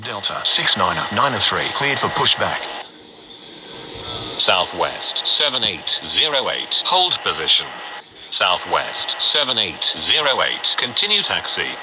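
Through heavy noise comes a crackly radio call from a male pilot and controller in an airport game. His voice is on the low side, with clipped, businesslike procedural phrasing. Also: very animated, unhurried. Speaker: air traffic radio voice. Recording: noisy game audio, aircraft ambience.

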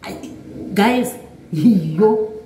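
Woman vlogger, slow and mellow delivery, storytime, recorded a bit far from the mic in an echoey room. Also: mid-range voice, expressive, slight background noise. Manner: chatty, repeats "guys" often. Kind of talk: storytime vlog.

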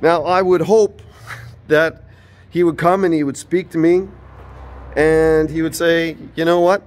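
In an empty old church, a man in his forties delivers an informal, earnest sermon recorded on a phone held at arm's length. He preaches unhurriedly with a steady tone, though his pitch rises and falls.

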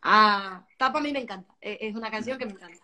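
A woman singer talking about her album in a casual interview, animated and expressive, often repeating words as she searches for them. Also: mid-range voice, quick pace. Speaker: singer-songwriter guest.

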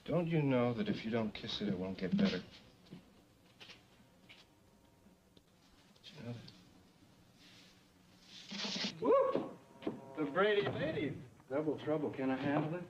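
Cocky flirt with swooping delivery. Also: male voice, fairly high pitch, big pitch swings, moderate pace, pauses often, background noise. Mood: cocky, flirtatious. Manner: teasing, suggestive, drawling sweet talk. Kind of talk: television soap opera acting. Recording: dull 1980s television audio, music underneath. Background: music.

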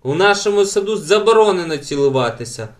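Guy doing a bossy little girl bawling, high and loud, storybook style. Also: lively intonation, quick pace. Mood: wailing, indignant. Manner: wailing, sobbing. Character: tearful bossy girl, about ten.

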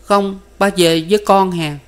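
A man's voice: fairly even intonation, unhurried, a bit bright, clean tone. A man doing a whiny three-year-old boy. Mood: pleading. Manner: high, pleading child's questions.

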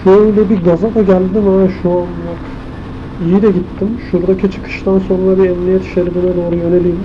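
Thinking aloud about the traffic, a male motorcycle vlogger talks casually as he rides, his voice high-sitting, flat and a little fast. The helmet-mounted microphone leaves him muffled beneath heavy wind, engine and traffic noise.

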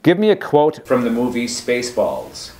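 Medium in pitch and normal in speed, this man hosts a relaxed tech demo. He sounds lively and entertained while quizzing the voice assistant.

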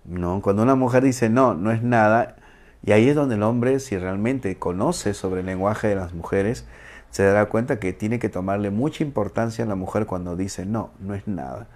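A man's voice: fairly low pitch, moderate pace, a little mellow. A man hosting an online talk for women, playful and teasing, laughing often and acting out phrases. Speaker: online show host. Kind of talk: casual talk to a female audience.

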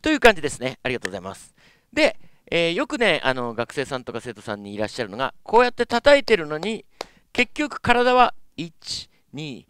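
A man's voice: on the high side, huge pitch swings, fast, a bit bright, smooth, no room sound. A man teaching as a vocal coach, explaining politely with many filler sounds. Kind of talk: instructional lesson.

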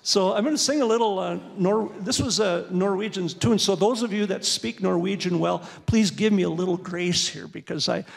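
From a stand mic at the piano, a singer and entertainer in his sixties jokes with a concert audience between songs, folksy and full of fillers. His high, creaky voice moves at normal speed with few pauses. The church sanctuary adds a long reverb, with piano behind him.

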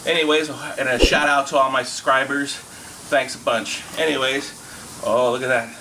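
A man's voice: mid-range voice, steady tone, normal speed, bright, forceful tone. Casual male vlogger, noisy outdoor sound. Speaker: YouTube host. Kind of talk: casual food challenge vlog. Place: outdoors in a backyard. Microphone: camera at about arm's length to a few feet. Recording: noisy outdoor camera audio.

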